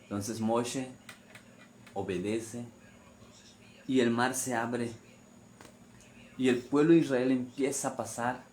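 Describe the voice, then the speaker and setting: A man's voice: mid-range voice, steady tone, slow, pauses often, darkish tone, a little hiss or hum. A man preaching a sermon on the weekly Torah portion, repeating phrases and asking rhetorical questions.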